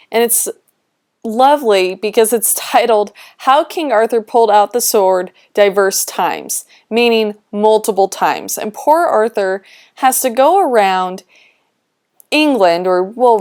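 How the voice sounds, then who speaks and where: A woman teaches a lesson in a chatty, easygoing way, walking through a text on screen. Her voice is smooth and clear at a middle pitch, and she reads old quotations aloud with playful voices. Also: darkish tone. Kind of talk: explaining a text while scrolling a document.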